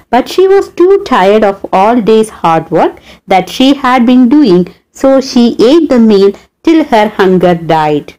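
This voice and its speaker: On a low-quality recording, a woman whose voice is on the high side with a darkish tone tells a story as her channel's host and narrator. The scripted voice-over swoops dramatically in true storyteller fashion.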